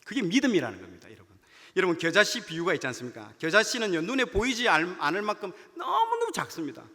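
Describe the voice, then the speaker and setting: A man, a junior pastor, preaching a sermon and telling a personal story in an animated way, acting out the dialogue. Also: high voice, fast. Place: church sanctuary. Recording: church hall reverb.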